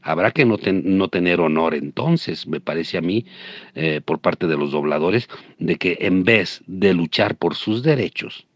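A man's voice: sits low, lively intonation, measured pace, dry recording. A man hosting his channel, delivering a crude, combative rant of commentary. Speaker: channel host. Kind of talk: ranting commentary.

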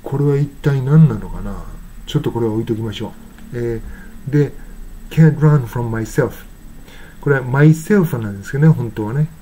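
A man explaining the words of an English song in an unhurried, halting way, with many fillers and slow, careful reading of the English lines. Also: mid-range voice, warm tone. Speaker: English teacher.

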